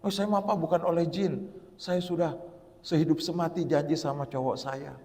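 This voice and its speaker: A man quoting a stubborn young woman, speaking more quietly in a sermon, echoing in a mosque. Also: fairly high pitch, steady tone, normal speed, natural voice. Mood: defiant. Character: young woman, stubborn schoolgirl set on marrying. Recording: long reverb of a mosque hall.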